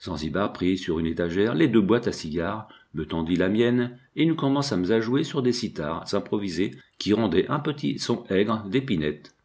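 Male narrator, first-person novel, expressive reading, lowish voice. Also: normal speed, few pauses. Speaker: audiobook narrator.

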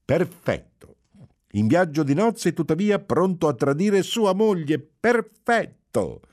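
A man reading aloud voices a scornful, sharp-tongued married woman with an insultingly polite, imperious manner. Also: measured pace, slightly rough, full character voice. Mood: shrill triumphant. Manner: insulting politeness, shrill when triumphant.

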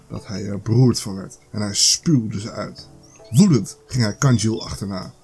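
A man's voice: fairly low pitch, a little mellow. A man hosting a podcast, reading a fairy tale aloud in a casual way with the odd stumble. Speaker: podcast host.

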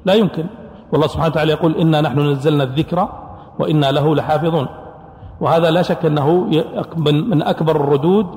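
A man's voice: on the high side, fairly even intonation, quick pace, a little mellow. Male scholar lecturing in an echoey hall. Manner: explanatory, asks and answers his own questions. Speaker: Islamic scholar teaching Quran sciences. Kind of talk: classroom lecture.

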